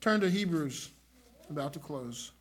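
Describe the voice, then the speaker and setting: Pastor, male, high bright voice; sermon delivery moving between quiet prayer and shouted exhortation. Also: animated, measured pace, slight background noise. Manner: swings from soft prayerful murmurs to loud shouted emphasis.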